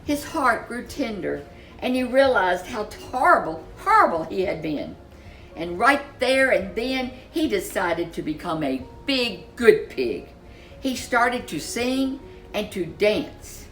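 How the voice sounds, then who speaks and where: A woman with a mid-range voice reads a children's storybook aloud like a storyteller. Her delivery is expressive and deliberate, with dramatic emphasis.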